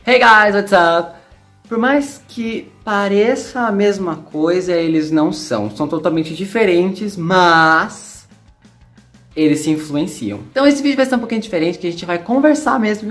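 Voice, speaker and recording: A man's voice: sits high, a bit bright. A man from Brazil with a São Paulo interior accent, teaching in a casual, chatty video lesson and demonstrating sounds as he explains. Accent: Brazilian Portuguese, São Paulo interior. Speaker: English teacher.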